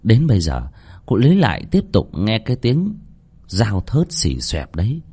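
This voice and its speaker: Husky man telling a horror story. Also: fairly low pitch, measured pace. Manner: expressive, dramatic storytelling.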